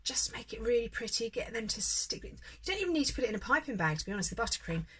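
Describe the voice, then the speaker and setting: A woman's voice: a little high, sing-song, rapid-fire, fairly bright tone, slightly rough. A woman presenting a casual home baking tutorial, chatting and encouraging as she works through each step. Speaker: home baker demonstrating a recipe.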